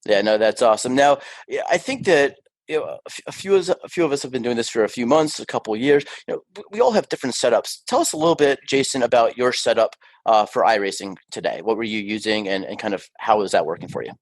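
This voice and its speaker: A man hosting a racing stream, interviewing the winners with upbeat, quick questions. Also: medium pitch, animated, no room sound. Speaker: host interviewing race winners.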